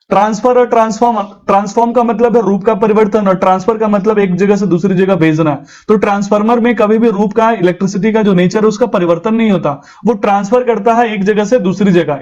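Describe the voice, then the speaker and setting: High-voiced tutor, slightly muffled. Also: male voice. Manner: energetic, coaxing, mixes in English phrases slowly spelled out. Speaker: engineering tutor. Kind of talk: explanatory lesson for interview prep. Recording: slightly dull lo-fi sound.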